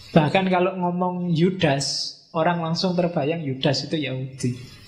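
Man lecturing in an echoey hall. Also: fairly high pitch. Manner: conversational, jokey asides to the audience. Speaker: philosophy lecturer. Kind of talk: casual philosophy lecture.

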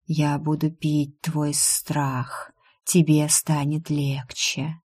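A woman voicing a faceless male demon who speaks in a slow, cold hiss. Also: on the high side, completely flat delivery, a little mellow, breathy edge, heavily acted. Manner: hissing, whispering.

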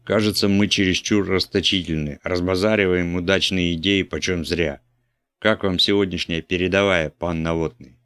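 A man's voice: sits low, steady tone, normal speed, a bit bright, smooth, no room sound. A man reading an audiobook, voicing a fawning priest-editor who stammers when scolded. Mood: scheming. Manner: obsequious, stammering under pressure. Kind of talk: audiobook character voice.

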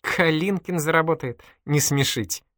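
A man's voice: fairly high pitch, moderate pace, fairly bright tone, no echo, clean studio sound, voice pushed up, natural voice. A man voicing a mischievous, giggly young woman in an audiobook, teasing and exclamatory. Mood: playful. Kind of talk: audiobook character voice.

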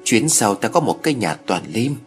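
A man's voice: medium pitch, sing-song, moderate pace, faint music behind, natural voice. A man voicing a careless, dismissive father in a spoken story. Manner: offhand, dismissive. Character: careless father, brushing off his son.

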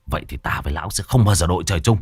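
A man's voice: low voice, very animated, normal speed. A man voicing a loyal, hot-headed young gang boss in an audio horror story, who hisses in anger and cries out in grief. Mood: seething.

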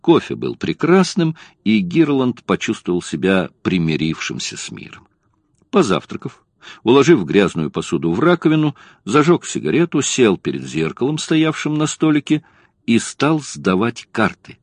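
A man narrating an audiobook in a measured, expressive storytelling manner, close to the mic. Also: medium pitch, no room sound. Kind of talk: scripted narration.

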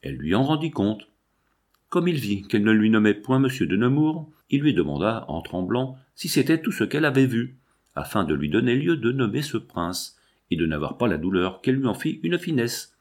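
A man narrating a classic novel as an audiobook, in a measured, expressive reading. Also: mid-range voice.

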